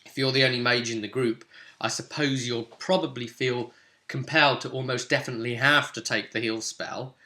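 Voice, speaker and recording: This tabletop game guide presenter has a medium-pitched, steady, sharp-toned voice and speaks at a moderate pace. He walks through the guide in a chatty, informal, explanatory manner, peppered with rhetorical questions.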